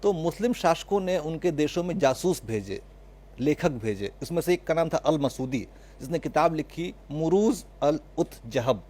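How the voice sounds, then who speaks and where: A man's voice: a little high, expressive, normal speed, mellow. A man giving a fluent, rhetorical speech about history, building emphasis as he goes.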